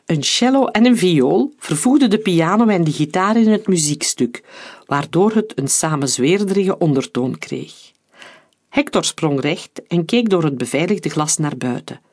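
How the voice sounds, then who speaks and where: A narrator reading a thriller aloud in a measured storytelling manner. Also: mid-range voice, animated, a little mellow. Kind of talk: audiobook narration.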